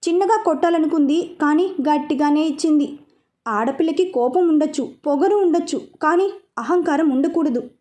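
A woman narrates a romance serial with a high voice. She keeps a steady, expressive storytelling flow. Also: moderate pace.

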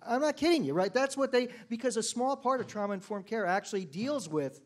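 A middle-aged man, a public defender, giving a conference keynote speech, full of restarts and growing heated and animated. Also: very high-pitched, fairly quick. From United States. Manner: frequent uh fillers and restarts, grows heated and animated.

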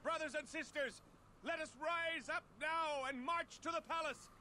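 An actor playing a fiery rebel agitator in a video game, declaiming with passion to incite a mob. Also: male voice, very high voice, fairly even intonation, moderate pace, sharp tone, slight background noise, exaggerated voice. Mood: rousing. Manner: impassioned, declamatory. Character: fiery male rabble-rouser inciting a mob to revolt. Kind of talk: video game acting, public oration.

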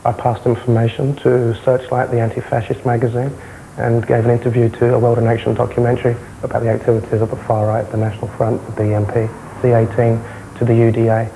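A young man with a South London accent, answering interview questions in a matter-of-fact, halting way. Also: medium pitch, monotone, creaky, warm tone, a little hiss or hum, low-quality recording. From South London, England. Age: young adult. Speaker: interviewee, former far-right insider. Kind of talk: candid television interview. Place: indoor television interview, close camera.

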